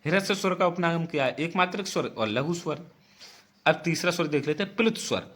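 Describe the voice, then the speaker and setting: A man's voice: fairly high pitch, animated, a little fast, fairly bright tone. A man teaching an exam-prep grammar lesson, explaining patiently, repeating points and putting questions to the class.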